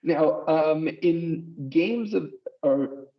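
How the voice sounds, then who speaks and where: A man's voice: a little high, drawn-out words. A man from the United States, raised in Argentina, hosting an interview and asking long, thoughtful framing questions. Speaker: podcast host, interviewer. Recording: distant, muffled mic.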